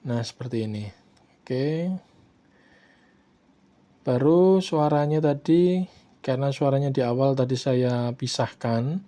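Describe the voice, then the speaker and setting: A man calmly walking viewers through a video editing tutorial, stopping often to check in with his audience. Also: medium pitch. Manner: unhurried, repeats "ya, teman-teman" often. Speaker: tutorial host. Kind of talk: screen-recorded software tutorial.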